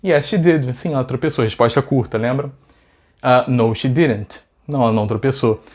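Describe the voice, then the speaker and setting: A man's voice: mid-range voice, moderate pace, a little mellow. A man with a Brazilian accent teaching English in a casual video lesson, chatty and full of rhetorical questions. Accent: Brazilian Portuguese.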